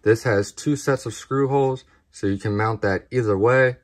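A man's voice: medium pitch, normal speed. A man hosting a knife review channel, talking casually and plainly to his viewers as he shows off parts. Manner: relaxed, plain-spoken, addresses viewers as guys.

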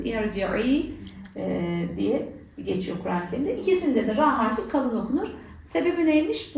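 A woman with a fairly high, darkish voice teaches a tajweed lesson on Quran recitation, explaining the rules and then posing and answering her own questions. The recording has a little hiss or hum, and her voice sounds distant in an echoey room.

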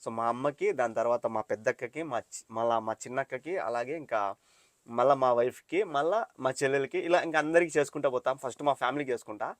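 A young man from India talks quickly in a casual vlog, his voice plain and mid-pitched. He records in a dry, close setting inside his car, and his voice often sounds emotional and near tears. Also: no echo. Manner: emotional, teary on the phone with his mother. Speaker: vlogger. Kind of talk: casual vlog talk and phone call.

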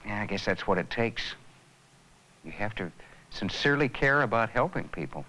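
Earnest and reflective, the man leading this 1980s educational film describes what he has learned, his intonation lively. He speaks at a normal speed in a voice on the low side, and the recording quality is low.

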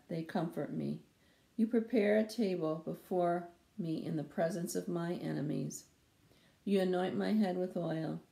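An older woman in her sixties reads a children's Bible lesson in a slow, measured way, fixing small slips as she goes. Her voice is low with a gravelly edge. The sound is echoey, as from a bare room at home on a laptop camera. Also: mellow. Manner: slow, careful reading with small slips corrected. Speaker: children's Sunday school teacher. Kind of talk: reading a Bible lesson aloud. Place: small room at home, wooden door behind. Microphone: webcam or laptop camera at close range.

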